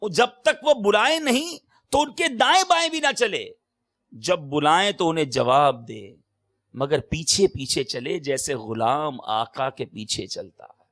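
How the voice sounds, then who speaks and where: Male preacher, high bright voice, very lively pitch, emphatic sermon. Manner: impassioned, emphatic exclamations, big swings between loud and soft. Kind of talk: Urdu sermon.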